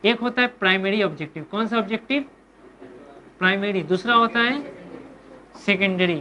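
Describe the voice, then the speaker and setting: A woman's voice: mid-range voice, normal speed, sharp tone, dull audio, a little hiss or hum. A woman with an Indian accent teaching a commerce class, asking questions and answering them herself and repeating key terms. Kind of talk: classroom lecture.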